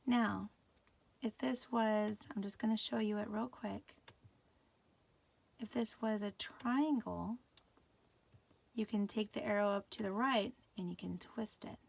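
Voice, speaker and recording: A woman's voice: mid-range voice, steady tone, unhurried, creaky, long pauses, darkish tone. A middle-aged woman teaching a live craft tutorial, patient and often checking that viewers can follow.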